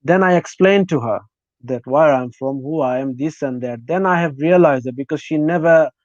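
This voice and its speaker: Halting male host. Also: a little high, a little mellow, no echo. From Bangladesh. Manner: halting, many fillers and restarts. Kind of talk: casual interview chat. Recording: dry, slightly muffled audio.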